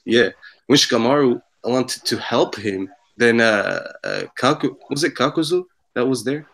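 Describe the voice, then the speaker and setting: A man's voice: medium pitch, moderate pace, low-quality recording. Laid back dude ranking his fav anime, swears a lot, gets hyped. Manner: loose, excitable, swears freely. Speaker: podcast co-host. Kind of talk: casual chat.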